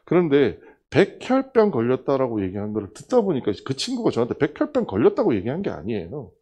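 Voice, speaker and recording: A man's voice: mid-range voice, brisk, breathy edge. A middle-aged male pastor preaching a sermon, telling a personal testimony and acting out the dialogue of the people in it. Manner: storytelling, acting out dialogue with lively swings.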